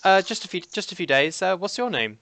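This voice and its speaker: A man's voice: high-pitched, lively intonation, bright, forceful tone, clean tone, no echo, voice pushed up, heavily acted. A man playing a polite tiefling adventurer in his own voice, speaking hesitantly with many halts. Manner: hesitant, halting.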